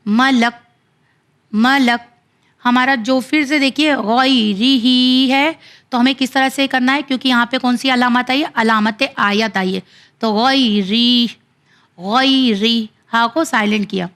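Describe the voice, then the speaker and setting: A woman with a somewhat high voice teaches a children's Quran recitation lesson. She explains each rule patiently and step by step. She draws out her example readings slowly. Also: steady tone, a bit bright.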